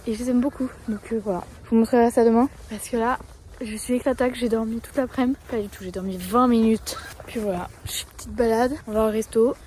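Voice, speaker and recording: A woman's voice: on the high side, steady tone, fast, darkish tone, a little hiss or hum. An eighteen-year-old woman vlogging in a casual, chatty way, informal and full of fillers and slang. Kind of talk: casual vlog chat.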